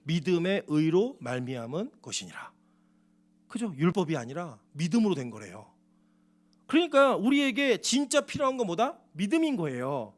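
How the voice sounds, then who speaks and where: A male pastor preaching a sermon, emphatic and animated, asking the congregation rhetorical questions. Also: high voice, normal speed.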